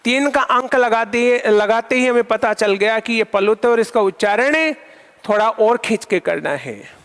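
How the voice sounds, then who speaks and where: A man's voice: very high-pitched, measured pace, fairly bright tone, clear, resonant tone. A male Sanskrit teacher giving a lecture, asking questions and answering them himself while repeating key terms. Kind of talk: classroom lecture. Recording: long hall reverb.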